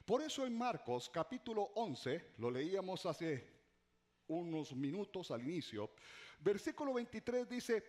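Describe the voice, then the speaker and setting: A middle-aged man preaching a sermon as pastor, repeating key words for effect, dropping to a hush and rising again, with humorous asides to his congregation. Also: high-pitched, sing-song, a little slow. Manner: preaching with dramatic repetition and swings from loud to hushed.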